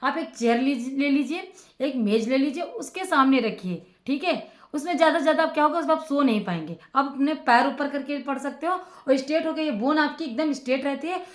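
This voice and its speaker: Woman teacher, high voice, chatty advice with fillers, echoey room. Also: lively intonation, a little fast. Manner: conversational, repeats phrases with frequent fillers and "ok". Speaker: teacher giving study advice. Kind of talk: informal advice talk to students.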